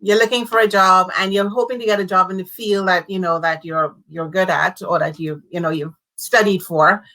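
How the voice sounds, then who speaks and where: A woman hosting a live-streamed talk show, speaking in an animated, conversational way with emphasis, over a video call. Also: fairly low pitch, moderate pace, few pauses, poor audio. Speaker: host.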